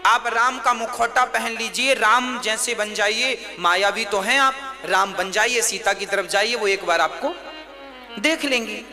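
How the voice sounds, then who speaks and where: Devoted queen wife voiced by a man, gentle coaxing, very high voice, slow. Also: long reverb tail, over music.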